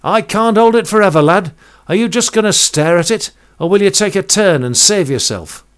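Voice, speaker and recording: A man voicing the ghost of an old male pilot, speaking with a Welsh accent in a stern, loud, commanding way. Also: high voice, lively intonation, moderate pace, smooth, voice pushed up.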